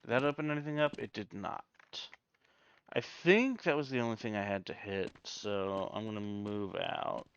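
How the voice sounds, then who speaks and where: A man's voice: lowish voice, moderate pace, clean tone, muffled recording. A man giving casual gameplay commentary, thinking aloud in a hesitant way. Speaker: gamer.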